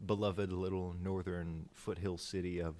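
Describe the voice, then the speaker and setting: A man hosting a tabletop game, narrating casually and haltingly as he improvises the scene. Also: low-pitched, flat delivery, mellow, a little hiss or hum. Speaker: game master, host.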